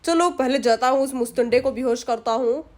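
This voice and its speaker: A woman's voice: high voice, brisk, voice pushed down, lightly acted. A woman voicing a greedy male village thief who mutters his plans to himself and gloats.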